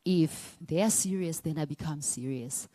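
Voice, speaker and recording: Slow, hesitant woman speaker. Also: low voice, warm tone. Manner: hesitant, many fillers and restarts. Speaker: singer and performer sharing her story. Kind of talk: personal testimony talk at a conference.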